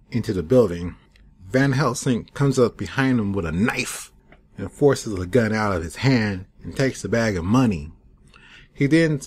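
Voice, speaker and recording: A man's voice: mid-range voice, husky. Rambling man reviewing a TV episode. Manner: rambling, digressive, chatty. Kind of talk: casual spoken review. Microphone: USB desk microphone.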